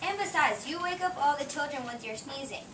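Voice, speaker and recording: A woman's voice: high-pitched, lively intonation, a little fast, fairly bright tone. A woman playing a fussing, bossy Mrs. Claus who scolds her husband in an amateur play reading. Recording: echoey room, distant mic, noise.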